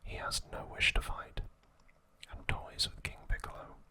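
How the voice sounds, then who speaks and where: A man shares trivia in an ASMR style, using a hushed, breathy whisper. He speaks deliberately, one short broken phrase at a time.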